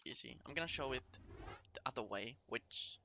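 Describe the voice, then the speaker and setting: A man's voice: medium pitch, expressive, normal speed, pushed and bright, slight background noise. A man speaking as a speedrunner, giving a casual route tutorial in short, step-by-step instructional phrases. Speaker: speedrunner explaining a game route to viewers.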